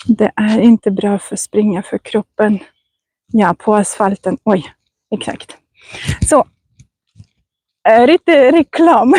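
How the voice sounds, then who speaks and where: A woman language teacher, vlogging as she walks along a forest path and speaking slowly and carefully for learners. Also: a little high, a little mellow, dry recording. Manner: slow, careful speech with many restarts. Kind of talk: slow vlog chat for language learners.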